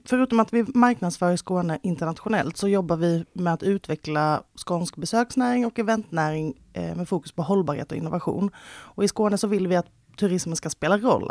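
A woman's voice: on the low side, a little mellow, no room sound, clean studio sound. A woman who works in tourism, giving engaged interview answers with frequent fillers. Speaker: tourism organization guest.

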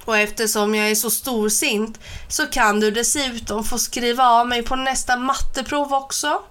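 A woman's voice: fairly high pitch, steady tone, fairly bright tone, lightly acted. A woman voicing a mocking schoolboy bully with a gold tooth, taunting and sneering as she reads a storybook aloud.

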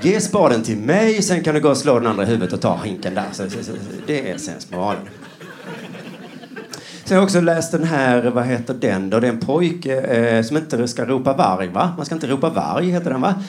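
Sarcastic man doing stand-up, lively pitch. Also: a little hiss or hum. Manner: rambling, sarcastic, mocking voices. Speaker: stand-up comedian. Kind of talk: stand-up routine.

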